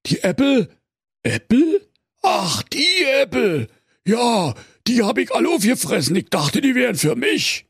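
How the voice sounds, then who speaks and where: A man's voice: very high voice, big pitch swings, unhurried, vocal fry, slightly rough, no room sound, clean studio sound, pitched above the performer's own voice, heavily acted. A man voicing a bumbling male bear who blusters and stammers. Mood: sheepish. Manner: sheepish, flustered, blustering. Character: big bumbling male bear posing as Ruprecht.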